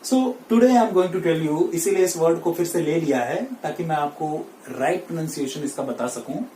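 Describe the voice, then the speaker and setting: A man with an Indian accent teaching English pronunciation in a classroom, mixing Hindi and English, saying each word slowly and asking listeners to repeat it. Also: a little high, mellow. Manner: drills words slowly, asks listeners to repeat. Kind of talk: classroom lesson at a board. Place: classroom with a board. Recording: echoey room, faint noise.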